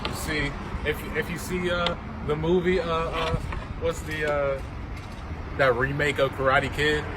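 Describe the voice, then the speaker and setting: A man's voice: on the high side, little pitch movement, a little slow. A man preaching and teaching from the Bible outdoors, repeating himself and tagging "right?" onto his points. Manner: repetitive, keeps asking "right?". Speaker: street preacher. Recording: outdoor traffic noise.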